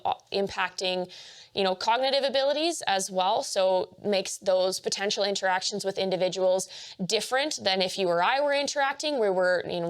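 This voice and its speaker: A young woman giving a training presentation, talking fast with many fillers and restarts. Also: medium pitch, clear, resonant tone.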